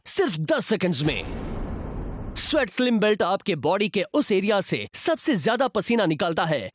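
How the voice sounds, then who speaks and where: High, animated male infomercial announcer. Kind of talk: scripted infomercial narration. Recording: music bed behind voice.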